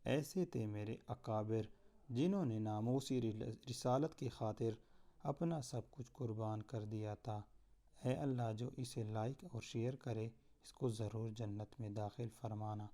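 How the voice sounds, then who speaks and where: A man narrating a devotional story in a solemn, measured way. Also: lowish voice, dark tone.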